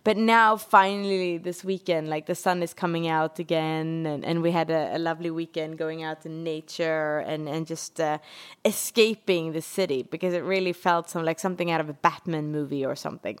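A woman's voice: deep voice, fairly even intonation, moderate pace, clean tone. A woman from Sweden, co-hosting a podcast in casual, bubbly chat full of restarts. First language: Swedish. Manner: chatty, bubbly, with frequent restarts and fillers. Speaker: podcast co-host. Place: home in New York, remote call.

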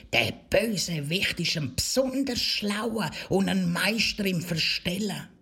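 A woman's voice: medium pitch, expressive, gravelly, bright, forceful tone, husky, heavily acted. Woman playing a caring old mother goat. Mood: warning. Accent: Swiss German. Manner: slow, giggling warnings.

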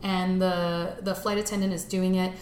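A woman hosting a comedy podcast, telling a story in an animated, chatty way. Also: lowish voice, normal speed. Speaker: podcast host. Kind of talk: casual comedic chat. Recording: echoey room, faint background noise.

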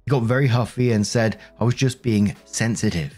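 Guy reading out reddit drama and giving his blunt take, soft music under it. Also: mid-range voice, a little fast. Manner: reads posts aloud, then reacts bluntly. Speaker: story narrator. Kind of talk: reading Reddit stories with commentary.

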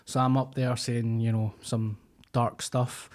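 A man's voice: medium pitch, little pitch movement, a little slow, a little mellow. A man with a Glaswegian accent chatting casually, blunt and sweary, in colloquial Scots. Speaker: stand-up comedian and podcast host. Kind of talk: casual chat.

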